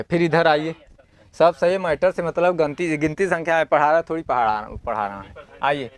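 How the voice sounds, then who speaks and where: A man's voice: fairly high pitch, clean tone. Man teaching a Sanskrit exam lesson. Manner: asks the class questions and answers them himself; reads Sanskrit aloud, then explains it in plain Hindi. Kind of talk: exam-prep lesson, explaining a model paper.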